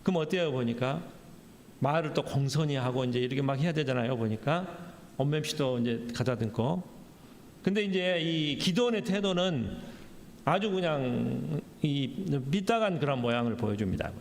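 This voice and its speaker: A male pastor delivering a Sunday sermon, animated, acting out blunt questions and tagging his sentences with a repeated refrain. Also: medium pitch, normal speed. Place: church sanctuary. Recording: echoey church hall, faint background noise.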